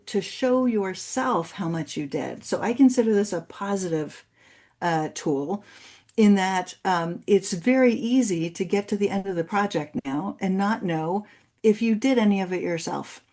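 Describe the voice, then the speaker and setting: At medium pitch and an unhurried pace, this mellow-voiced woman, a native Spanish speaker, presents at a conference and takes questions afterward. Her delivery is that of a clear, explanatory academic.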